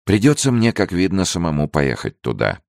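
A wry, self-assured gentleman adventurer, voiced by a male narrator in a deep, gravelly register lifted somewhat above it. He sounds half-joking and coolly polite in a dry, close storybook reading. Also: very animated, moderate pace, no room sound.

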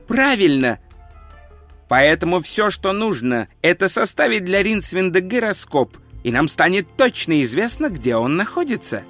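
A man's voice: high voice, sing-song, moderate pace, a bit bright, faint music behind, pitched above the performer's own voice, exaggerated voice. A man voicing a stern, impatient wizard in an audiobook, lecturing and imperious. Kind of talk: audiobook character voice.

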